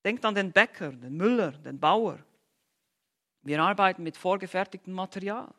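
At a moderate pace, a man with a high-pitched voice preaches an expository sermon. He's emphatic, tossing out rhetorical questions and sarcastic remarks, and shifts from loud bursts to hushed moments.

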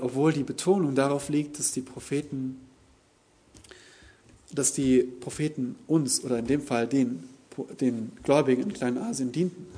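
A man preaching an expository sermon, teaching deliberately and with emphasis. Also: mid-range voice, a little mellow, breathy edge.

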